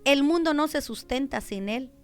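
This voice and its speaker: A Mexican woman pastor preaching a radio sermon with a Mexican Spanish accent, emphatic, dropping to hushed tones and rising to loud cries. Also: sits high, normal speed, soft background music.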